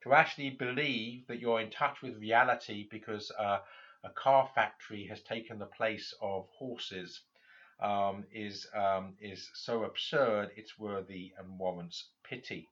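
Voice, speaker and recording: A man giving a literature lecture, halting often with fillers and restarts. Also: fairly low pitch, steady tone, a bit bright, highs cut off.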